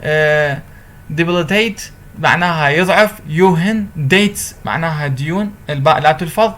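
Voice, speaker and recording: Give me a man teaching a recorded interpreting lecture, a bit high-pitched, reading slowly and explaining quickly. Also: a bit bright. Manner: switches between slow deliberate English and quick Arabic explanation. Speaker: university translation lecturer.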